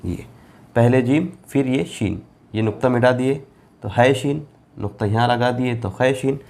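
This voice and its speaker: Guy teaching quran letters on a board, patient, says each letter name slow and repeats it, normal mid voice. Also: medium pitch, vocal fry, a little mellow. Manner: patient, repetitive, drawing out letter names slowly. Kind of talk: board lesson explaining Arabic letters.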